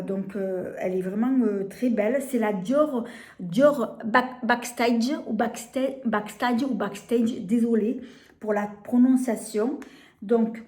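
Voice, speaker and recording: A French woman showing makeup on camera, gushing about each product and filling pauses with hesitations and repeated words. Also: mid-range voice, mellow. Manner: gushing, enthusiastic over products. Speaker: beauty vlogger. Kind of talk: casual product demo. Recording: echoey room.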